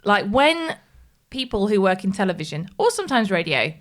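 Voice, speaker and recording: A woman, co-hosting a podcast in a studio, chatty and teasing and quick to laugh. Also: mid-range voice, very animated. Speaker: podcast co-host. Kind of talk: casual chat.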